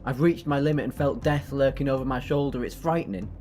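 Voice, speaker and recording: A man plays a time-travelling adventurer in an audio drama. He is glib yet righteous, speaking theatrically in a middling pitch with faint music behind him. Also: brisk, darkish tone, lightly acted. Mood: grave, firm.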